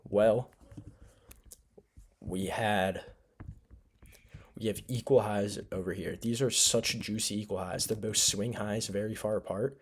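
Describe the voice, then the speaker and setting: Young male vlogger, sleepy, rambling and filler-heavy, low gravelly voice; casual screen-share recap. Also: slight background noise. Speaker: trading vlogger.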